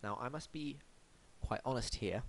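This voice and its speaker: A man with a medium-pitched voice speaks at a normal pace, hosting a web design review in a scripted monologue. Hay fever has left him stuffed up and sniffly, and his delivery is wry, theatrical and mock-formal.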